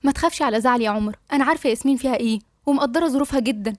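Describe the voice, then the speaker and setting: A gentle young bride from a storybook, soothing and a little hesitant, speaking in Egyptian Arabic, as a woman reads her. The voice is fairly high and very quick. It is recorded dry and close. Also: no echo, lightly acted. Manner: calm and reassuring.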